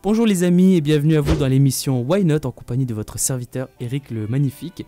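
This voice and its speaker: A man's voice: fairly high pitch, fast talker, dark tone, dry recording, faint music behind. A man hosting a radio interview show, talking in a jokey, playful way in a studio.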